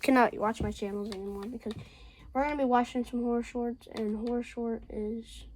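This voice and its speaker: A woman hosting a reaction video, giving casual, excitable, slangy commentary and talking straight to her viewers. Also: fairly high pitch, a little fast, slight background noise, rough recording.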